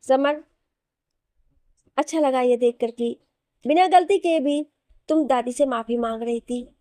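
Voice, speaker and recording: A gentle young husband speaks softly and reassuringly in a storybook tale, as a woman narrator puts him on. The tone is mellow and warm. The recording is dry and close. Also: high-pitched, slow pace, dry recording.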